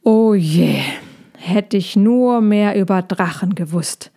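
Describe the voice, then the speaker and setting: A woman's voice: medium pitch, lively intonation, takes it slowly, darkish tone. A woman voicing an anxious, fussy male hedgehog in a storybook reading, talking in a fretful, scolding way.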